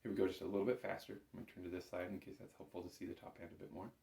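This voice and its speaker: Speaking very fast, a bagpipe instructor gives a casual, patient music lesson to camera, leading learners through it one step at a time. His voice is low-pitched, creaky and dark, with little pitch movement, and the indoor room echoes.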